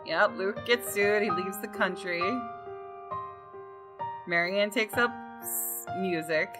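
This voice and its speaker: A young woman who hosts a gaming channel speaks slowly in a medium-pitched voice, chatting informally to her viewers during a let's play. Her casual commentary includes some visual novel narration read aloud, with game music in the background.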